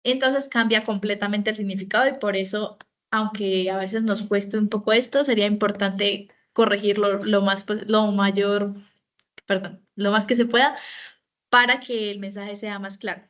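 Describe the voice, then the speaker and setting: A woman's voice: medium pitch, fairly even intonation, normal speed, a bit bright. A woman giving an online training session, explaining step by step with fillers and self-corrections.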